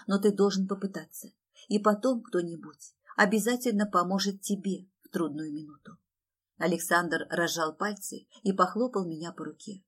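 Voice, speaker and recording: A woman's voice: mid-range voice, slightly rough. Female audiobook narrator, first-person novel, dramatic delivery.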